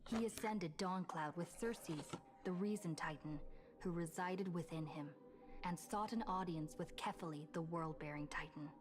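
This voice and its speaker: A woman voicing a calm game narrator. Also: on the low side, lightly acted. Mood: measured. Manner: measured, steady storytelling. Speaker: story recap narrator in a video game. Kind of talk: scripted narration. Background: game music.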